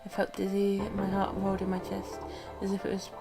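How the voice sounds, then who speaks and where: A woman streamer with a cold, reading a visual novel aloud in first person, with quick asides. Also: medium pitch, monotone, vocal fry, over music. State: has a cold.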